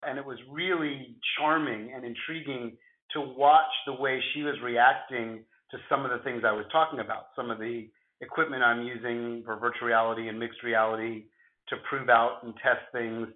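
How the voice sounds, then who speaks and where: A man with a gravelly voice, hoarse from flu, explaining things conversationally as an interview guest in measured phrases. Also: medium pitch, steady tone, reverberant, narrow, tinny audio. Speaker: interview guest, futurist at a film studio.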